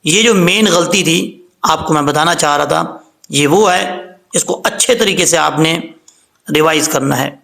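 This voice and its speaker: High-pitched gravelly male Quran teacher. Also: bright, forceful tone. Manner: patient, repeats syllables slowly and chants the verses. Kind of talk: tajweed lesson, spelling out and reciting words slowly.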